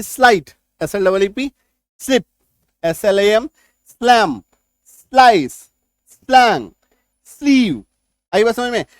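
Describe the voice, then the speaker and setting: An Indian man teaching English phonics in Hindi, encouraging learners, sounding out words slowly and asking if they follow. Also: high-pitched, no echo, clean studio sound. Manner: encouraging, repeats words slowly and asks checking questions.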